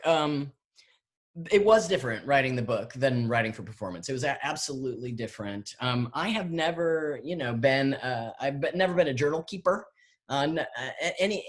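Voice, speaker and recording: A man, a guest artist, answering audience questions in a halting, rambling way full of fillers and restarts, heard over a video call. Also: mid-range voice. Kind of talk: casual conversation, answering questions.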